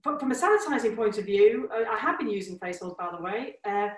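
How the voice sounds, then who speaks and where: A woman's voice: medium pitch, expressive, quick pace. A woman therapist giving practical tips in a casual, chatty demonstration style. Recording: echoey room, distant from the microphone.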